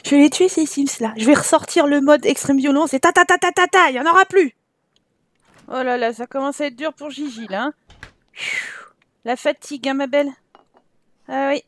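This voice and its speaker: High-voiced woman scolding her game. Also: normal speed, long pauses, no echo. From France. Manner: exasperated, scolding the game characters, frequent laughs. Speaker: gaming YouTuber. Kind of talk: casual let's-play commentary.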